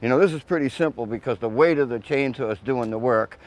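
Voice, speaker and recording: A fast-talking older man with a mid-range, darkish voice gives a step-by-step chainsaw lesson. The shipwright stands outdoors on the grass by a mill, recorded through a lapel mic. His delivery is plainspoken and practical, with folksy asides along the way.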